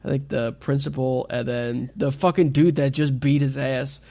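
A man's voice: medium pitch, level tone, moderate pace, gravelly, warm tone. A young man talking like a frat bro, casually recounting things with slang and heavy swearing. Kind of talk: casual chat.

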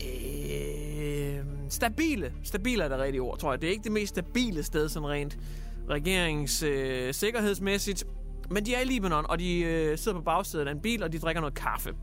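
Livlig mand med høj stemme. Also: male voice, a little high. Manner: animated storyteller, acts out quotes, many fillers. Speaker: radio host. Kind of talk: casual chat, retelling news stories.

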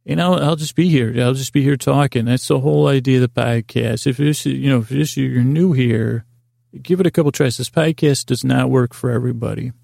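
A man with a medium-pitched, creaky, mellow voice speaks fairly quickly, recorded clean in the studio with no room sound. As a podcast host, he gives a meandering, goofy bedtime monologue to help listeners fall asleep, full of silly wordplay and tangled sentences that double back on themselves.

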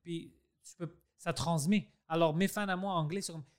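Guy with an english accent talking french on his podcast, kinda high voice, lively, acts out what people told him. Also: normal speed. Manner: animated, acts out quoted dialogue, mixes in English words. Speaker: podcast host. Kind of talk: casual conversation.

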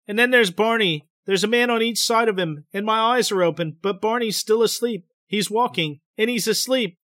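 A man's voice: high voice, normal speed, pushed and bright, dry recording, clean studio sound, pitched above the performer's own voice. A man voicing a frightened woman who recalls an abduction under hypnosis, tearful and pleading. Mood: shaken.

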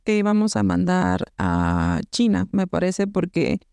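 A Mexican woman co-hosting a podcast, telling a story in casual chat with lots of slang and an animated manner. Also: on the low side, unhurried, creaky, smooth, no echo. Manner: animated, slangy, acts out voices in anecdotes. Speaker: podcast co-host.

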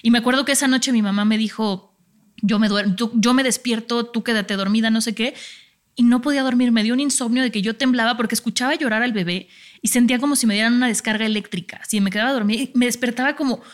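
A woman telling her story in a casual, animated conversation. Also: on the high side, fast.

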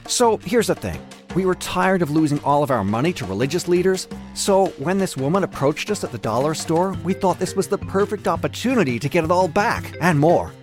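An actor playing a sly father calmly explaining a plan in an animated story. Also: fairly high pitch, fairly quick, close to an everyday voice. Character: sly middle-aged father, dry. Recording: music playing behind.

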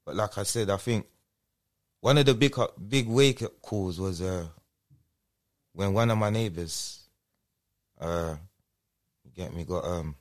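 London roadman, low-voiced and chatty. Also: a little slow, pauses often. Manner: repeats checking tag phrases. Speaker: interview guest. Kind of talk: casual street-slang interview chat.

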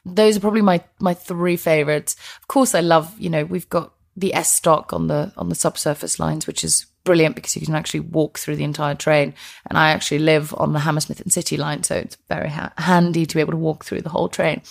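An Icelandic transport historian speaks conversationally as an interview guest. Her slightly low voice has lots of creak, a steady tone, and a fast pace. She explains things in a chatty, enthusiastic, reflective manner.

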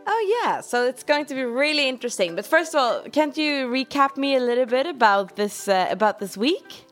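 A woman's voice: sits high, animated, moderate pace, a bit bright, soft background music. A woman from Sweden, co-hosting a podcast in casual, bubbly chat full of restarts. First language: Swedish. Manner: chatty, bubbly, with frequent restarts and fillers. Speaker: podcast co-host. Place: home in New York, remote call.

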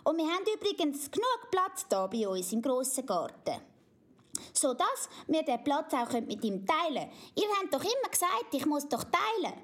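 A small stubborn princess chatters eagerly in a very high, bouncing voice with a Swiss German accent, as a woman puts her on in a storybook. She pleads and insists, swinging up and down with every phrase. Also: sing-song, normal speed. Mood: pleading. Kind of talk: storybook reading.

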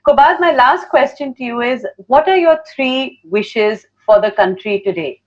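A woman's voice: high voice, expressive, moderate pace. Woman interviewer on muffled audio. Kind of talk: interview questions. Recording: dull lo-fi call audio.

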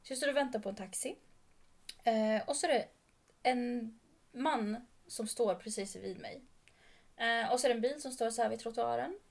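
A woman's voice: fairly high pitch, creaky, long pauses. A young woman co-hosting a podcast, telling a story in casual chat with dialogue acted out. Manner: chatty, acts out dialogue while retelling. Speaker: podcast co-host.

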